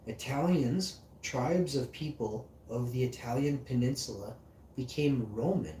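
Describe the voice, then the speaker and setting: A man's voice: medium pitch, darkish tone, far from the mic. A man chats on his livestream, stumbling through text he reads aloud and drifting off into loose musings. He sits back from the mic in an echoey room with a faint hiss underneath. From Icelandic and German parentage. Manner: rambling, reads aloud haltingly and muses between lines. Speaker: livestream host. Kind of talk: casual livestream chat, reading aloud.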